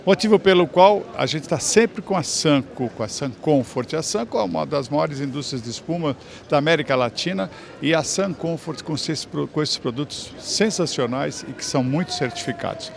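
Holding a mic in a big exhibition hall, a Brazilian Portuguese-accented TV host in his fifties interviews people at a trade fair and talks up products with enthusiasm. He speaks at a moderate pace in an animated, higher-pitched voice with vocal fry, barely pausing.

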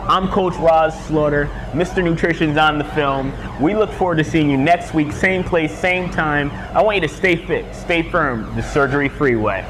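A man's voice: a little high, normal speed, hardly any pauses, background noise. A young man, a fitness coach, talking energetically and promotionally to the camera at a restaurant. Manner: energetic, promotional, talks with hand gestures. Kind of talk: upbeat fitness vlog presenting. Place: outside a restaurant, then at a table indoors.

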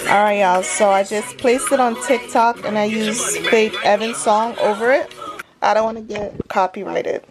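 A woman vlogger talks straight to her viewers in a loose, informal way as she records her day on a handheld phone. Her voice sits at an ordinary middle pitch, and her delivery stays easy and conversational. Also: warm tone. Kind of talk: casual day-in-the-life vlog chat.

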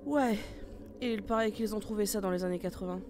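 A woman's voice: mid-range voice, a little fast, background noise, lightly acted. A woman voicing a tough female squad leader in an amateur horror audio drama, giving curt, commanding orders. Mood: steady. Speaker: team leader.

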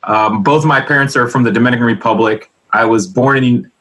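Bright-voiced energetic man co-hosting. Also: mid-range voice, brisk, low-quality recording. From United States. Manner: energetic, jokey, laughs often. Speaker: co-host, sports dietitian. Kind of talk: casual podcast chat.

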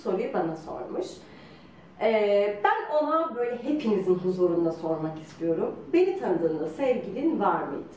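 A woman telling a story in a lively, teasing way, laughing often as she talks. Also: mid-range voice, normal speed, a little hiss or hum. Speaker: guest telling her couple's story. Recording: roomy echo from a distance.

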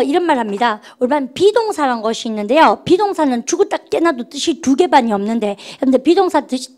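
A woman teaching a grammar lecture in a notably high voice. She drills her class with call-and-response prompts. Her delivery is chatty and playful, and she refers to herself as the teacher.

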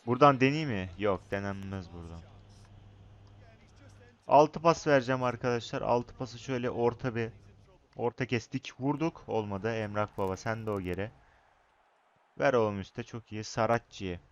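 A young man gives casual, excitable commentary over his own football video game match. His voice is smooth and mid-pitched, and it surges loud when he yells at his players. The recording sounds slightly muffled and lo-fi. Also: moderate pace, long pauses. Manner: excitable, shouts at players, chatty asides to viewers. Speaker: gaming YouTuber.

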